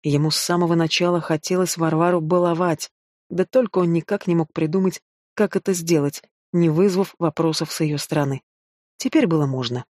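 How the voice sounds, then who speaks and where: A man's voice: a little high, steady tone, fairly quick, a little mellow, dry recording, studio quality. A man reading an audiobook, narrating steadily and voicing the dialogue himself. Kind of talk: scripted narration with acted dialogue.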